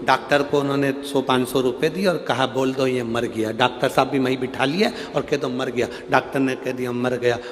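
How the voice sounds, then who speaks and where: A man giving a devotional storytelling sermon at a large religious gathering, acting out the people in a folksy parable and swinging from loud to hushed. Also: medium pitch, fairly even intonation, brisk, hardly any pauses, slight background noise. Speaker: preacher. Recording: long hall reverb.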